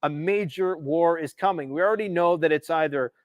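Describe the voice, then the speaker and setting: A man's voice: fairly high pitch, a little fast, dry recording. A Canadian man hosting a political livestream, ranting emphatically and sarcastically about world events. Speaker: livestream host.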